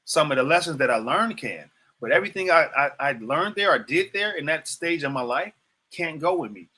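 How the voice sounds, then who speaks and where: A man's voice: a little high, lively intonation, a little fast, pushed and bright. A man in his fifties hosting a livestreamed motivational talk, preaching to viewers, repeating phrases and asking them questions directly. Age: 50s. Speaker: host.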